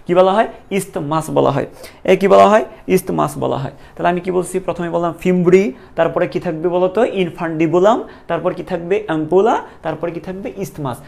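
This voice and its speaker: Gravelly male teacher drilling terms. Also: on the high side, darkish tone. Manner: drills terms in call-and-response, repeating each answer. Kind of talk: classroom lecture.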